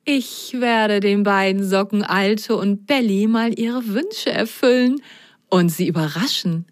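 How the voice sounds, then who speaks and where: A woman voicing a kindly magic washing machine in a storybook, talking in a hushed, secretive way. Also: medium pitch, a little slow, dry recording, clean studio sound, lightly acted. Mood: scheming.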